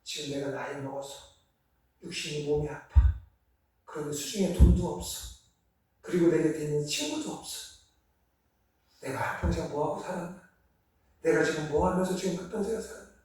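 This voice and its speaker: A man preaching a Sunday sermon as pastor, earnestly swinging between loud emphasis and soft, hushed passages. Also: a little high, normal speed, pauses often, heavy reverb, distant mic. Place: church sanctuary.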